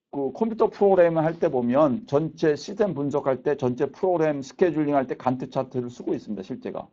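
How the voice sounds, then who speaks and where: A university professor in his fifties lectures didactically, explaining concepts and repeating key points. His voice is fairly high and a little mellow. The lecture recording sounds dull and lo-fi.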